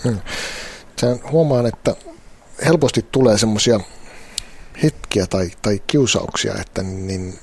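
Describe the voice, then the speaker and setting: A man hosts the conversation and asks questions hesitantly, pausing with fillers as he looks for words. His voice is husky and somewhat low. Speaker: host. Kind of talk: casual interview questions.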